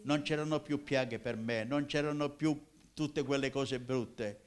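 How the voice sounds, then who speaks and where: With a steady, mid-range voice and a measured pace, an older man from Apulia, southern Italy, shares his testimony as a minister, moving emotionally from loud cries to near whispers.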